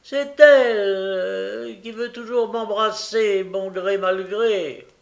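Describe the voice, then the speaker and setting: Storybook figure: man voicing a young male drunk glutton, high strained whine. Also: expressive, slow pace, a bit bright, heavily acted. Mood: whining. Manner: whining, tipsy, high-pitched complaining. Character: drunk greedy young male undertaker's apprentice, whiny.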